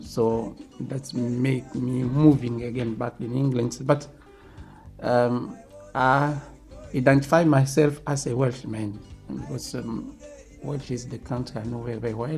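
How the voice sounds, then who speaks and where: A man from the Democratic Republic of Congo, telling his own story in an interview, halting often with ums and restarts. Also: mid-range voice, gravelly, dark tone. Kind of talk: recorded interview.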